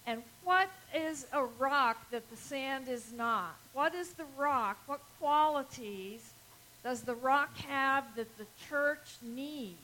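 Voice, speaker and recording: A woman's voice: high-pitched, takes it slowly, bright, forceful tone, rough recording. A woman giving a children's sermon in the manner of a kids' show host, asking simple questions and leaving time for answers. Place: large church sanctuary, before a congregation.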